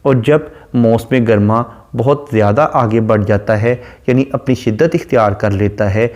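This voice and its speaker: Male lecturer, mid-pitched, slow and measured reading of verse, patient step-by-step explanation. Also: darkish tone. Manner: reads verse lines slowly, then explains them at length. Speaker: literature lecturer.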